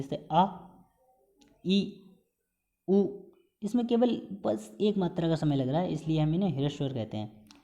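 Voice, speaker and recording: Mellow-voiced man teaching a lesson. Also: high-pitched. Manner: explanatory, drawn-out sounds to demonstrate pronunciation; mixes in English terms. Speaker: Hindi teacher. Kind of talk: recorded exam-prep lesson.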